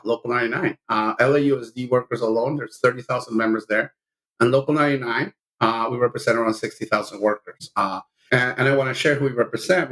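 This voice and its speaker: A man's voice: mid-range voice, fairly bright tone, poor audio. A middle-aged man from El Salvador, a union leader speaking as a guest on a podcast with earnest conviction. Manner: earnest, impassioned about justice. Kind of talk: podcast conversation.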